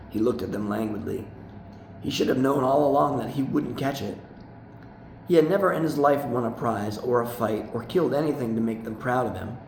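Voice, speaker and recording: A man reads a literary short story aloud, steady and deliberate, his voice catching into gravelly fry at phrase ends. The recording has a noticeable room echo, with a faint ambient hum behind it. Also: mid-range voice. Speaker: audiobook reader.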